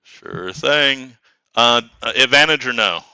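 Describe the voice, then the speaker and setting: A man's voice: mid-range voice, animated, slow pace, bright, forceful tone, smooth, dry recording, poor audio. A man playing a tabletop game, hesitant with many fillers and restarts. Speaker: player. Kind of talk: tabletop role-play chat.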